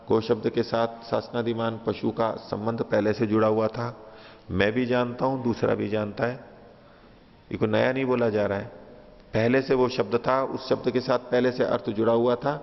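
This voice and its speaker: A man with a gravelly, creaky voice teaches scripture line by line, reciting a verse and then patiently restating its meaning. The recording is dull and lo-fi, with a long hall reverb trailing behind his words. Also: fairly low pitch. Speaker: teacher of philosophy.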